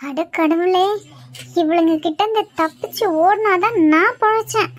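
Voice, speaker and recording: A woman's voice: very high-pitched, normal speed, dry recording. A woman doing a fussy, stubborn mother-in-law. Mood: whiny protest. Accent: Kanyakumari Tamil. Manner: whiny, protesting, dramatic. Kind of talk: cartoon voice acting.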